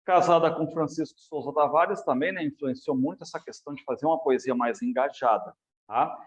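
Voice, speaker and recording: A man's voice: fairly high pitch, fairly quick. A man with a Brazilian Portuguese accent teaching literature in an exam review lecture, addressing students directly and often checking that they follow.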